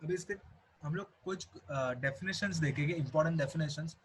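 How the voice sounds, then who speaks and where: A man's voice: a little high, moderate pace, husky, low-quality recording. Indian man teaching a law class. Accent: Indian English. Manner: explanatory, repeats key points, mixes English terms into Hindi. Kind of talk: recorded lecture.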